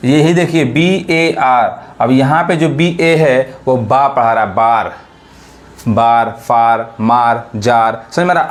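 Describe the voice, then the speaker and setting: A man teaching a pronunciation lesson to viewers, drawing words out slowly and asking if they follow. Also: mid-range voice. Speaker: English teacher. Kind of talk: classroom lesson.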